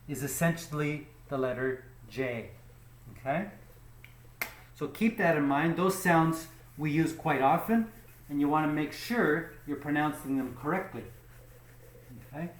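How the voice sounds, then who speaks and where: Male teacher, slightly high voice, very slow and deliberate, echoey room; keeps asking "okay?" after each point. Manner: checks in with frequent "okay?"; slow and deliberate, stretching example words. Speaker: English pronunciation teacher. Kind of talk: slow, patient spoken lesson.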